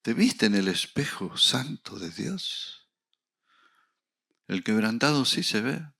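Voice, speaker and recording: Slow-preaching Argentine man, dramatic storyteller. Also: mid-range voice, sing-song, creaky, slightly rough. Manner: dramatic storytelling with acted dialogue, rising to loud emphatic peaks. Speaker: pastor. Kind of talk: sermon.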